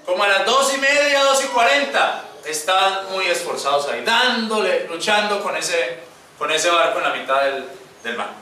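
A man preaching and telling the story with lively acted quotes. His voice is very high and bright. It echoes heavily around a large room, heard from some distance. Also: normal speed, slight background noise. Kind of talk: sermon, Bible passage retold. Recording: echoey room, mic far off.

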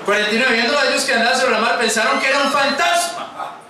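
Man, preacher, lively sermon storytelling, far from the mic, strong echo. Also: very high voice, fast, slight background noise. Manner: lively storytelling with acted quotes. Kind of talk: sermon, Bible passage retold. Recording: echoey room, mic far off.

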